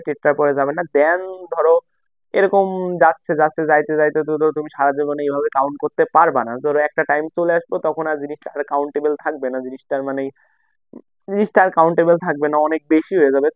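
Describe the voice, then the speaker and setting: A man's voice: fairly high pitch, no room sound. A young man from Bangladesh teaching a casual lesson, repeating and rephrasing each point for his students. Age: young adult. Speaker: tutor. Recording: tinny phone-like dry sound.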